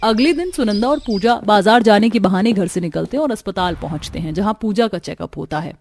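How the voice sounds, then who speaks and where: A woman giving scripted story narration in a steady, even storytelling voice. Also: medium pitch, brisk.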